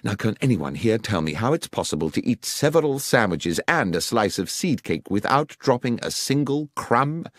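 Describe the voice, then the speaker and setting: Holmes, a man voicing a crisp detective. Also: fairly low pitch, sing-song, no echo, studio quality. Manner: precise, measured and authoritative. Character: sharp, commanding male detective, middle-aged.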